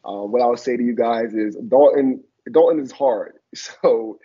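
His mid-range voice is mellow and slightly rough, with a moderate pace. He's a young adult from Liberia, raised in Philadelphia and once a college football player, talking reflectively and with many fillers as a guest on a casual video call. The setting is a small indoor room, recorded on a laptop camera with dull, lo-fi sound.

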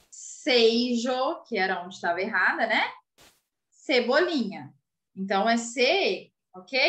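In a roomy, echoing recording, a Brazilian Portuguese-accented woman teacher leads a children's video lesson, patiently spelling, repeating words and checking the class follows along. Her voice is high and fairly bright.

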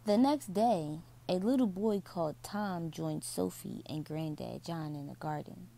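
A woman reading a bedtime story aloud to children, slowly and soothingly. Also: fairly low pitch, gravelly, dark tone.

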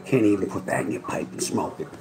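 A man's voice: sits low, fast talker, over music, poor audio. A man, rambling through a profane, tough-talking monologue to camera. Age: 40s. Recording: crowd noise in background.

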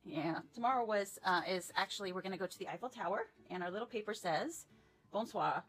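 A woman's voice: mid-range voice, fairly quick, fairly bright tone, soft background music, low-quality recording. A woman narrating a casual travel vlog in a chatty, upbeat way, with fillers. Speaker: travel vlogger.

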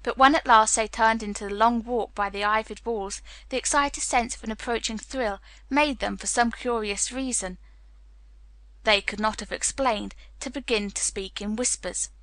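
Woman narrator for learner storybook, bright tone, dry close mic. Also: on the high side, moderate pace, no echo.

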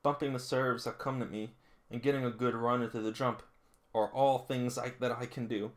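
This manga read-along host has a mid-range, steady voice at a normal pace. Sitting in a small room with figurines, he reads aloud with casual commentary, sometimes stumbling and rereading, and chuckles as the story unfolds.

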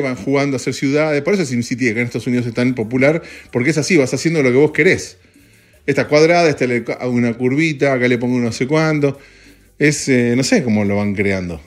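A young man with an Argentine accent, chatting casually and rambling for his podcast while standing in an office. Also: mid-range voice. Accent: Argentine Spanish. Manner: rambling, joking, swears casually, jumps between topics. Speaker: podcast host. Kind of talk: casual voice-note chat.

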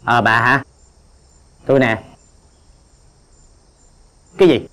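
An actor playing a man who reassures his wife briskly on the phone. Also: mid-range voice, a bit bright. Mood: reassuring.

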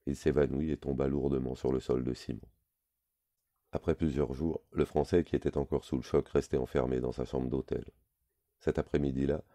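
Very deep, dark-voiced male reader. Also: no echo. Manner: measured, literary reading. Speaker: audiobook reader. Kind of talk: scripted narration.

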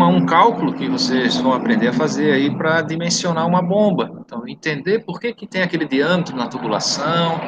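A man's voice: medium pitch, noisy background. A middle-aged man with a Santa Catarina Brazilian accent and slushy sh sounds for s, giving an informal, conversational online lecture as a teacher, often checking in with short tags. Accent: Santa Catarina Brazilian Portuguese. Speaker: technical course teacher. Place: indoor room at home, online video call.

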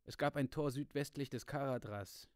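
A man's voice: no room sound, clean studio sound, lightly acted. A man reading as a grave old wizard. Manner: measured, calm and lowered. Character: old, wise male wizard, calm and grave.

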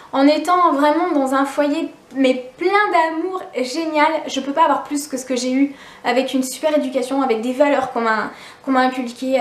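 A woman's voice: high-pitched, echoey room. A woman YouTuber telling a personal story in a casual vlog, candid and chatty, with frequent restarts and asides to her viewers.

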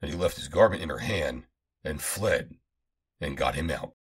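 Deep, husky man reading scripture. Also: lively intonation, normal speed. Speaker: Bible reader. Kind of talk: scripted scripture reading, solemn archaic narration.

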